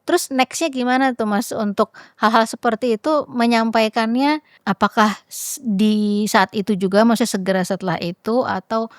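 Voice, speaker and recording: A woman co-hosts a parenting podcast in a casual, explanatory tone, with plenty of fillers. Her voice sits fairly high. The sound is dry and close, with no room echo. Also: fairly even intonation, normal speed. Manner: talkative, explanatory, lots of fillers.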